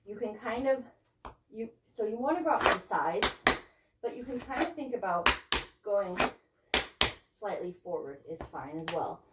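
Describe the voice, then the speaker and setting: A woman's voice: mid-range voice, lively intonation, moderate pace, long pauses. A woman teaching a tap dance step, encouraging her students and counting beats aloud, a bit out of breath from dancing. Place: dance studio. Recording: echoey studio with loud background noise. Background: tap shoe clicks.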